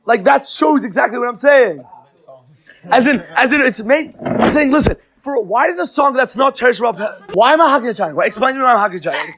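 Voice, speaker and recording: A man's voice: very high voice, animated, quick pace, fairly bright tone, slightly rough. A young man hosting a comedic podcast, rambling through a rant with restarts and sprinkled Yiddish and Hebrew terms. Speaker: podcast host.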